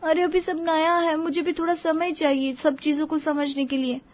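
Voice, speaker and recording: A woman's voice: sits high, moderate pace, muffled recording, voice pushed up, lightly acted. A woman voicing a timid, eager young daughter-in-law in a cartoon story, polite and anxious to please. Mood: indignant.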